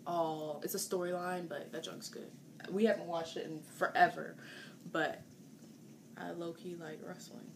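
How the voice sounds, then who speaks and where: For her vlog, a woman in her 20s has a rambling, casual chat with her partner, packed with fillers. She has a gravelly, lowish voice with little pitch movement and a measured pace, captured in a noisy home video.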